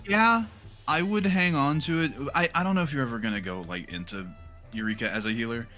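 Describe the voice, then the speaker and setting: A man's voice: medium pitch, a little fast, sharp tone, soft background music. A man chatting casually during a game, with wry, playful asides. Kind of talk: casual gaming chat.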